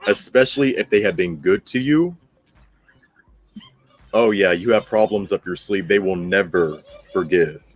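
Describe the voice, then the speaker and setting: Deep and slightly rough, this man's voice moves at a measured pace with frequent pauses. As host of an astrology commentary channel, he mixes reading with ad-libs, speaking bluntly and with emphasis and repeating phrases for effect.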